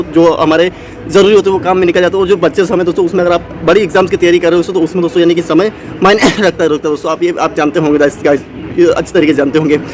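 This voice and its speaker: A man's voice: sits high, slight background noise. A man giving an unscripted motivational talk to exam students, rambling with many fillers and restarts. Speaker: motivational channel host.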